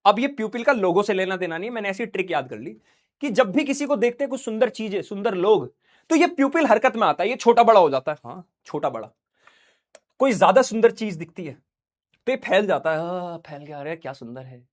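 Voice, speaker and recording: A man's voice: sits high, expressive, fairly quick. A young man teaching a science class online, playful and joking, acting out little scenes for his students while feeling unwell.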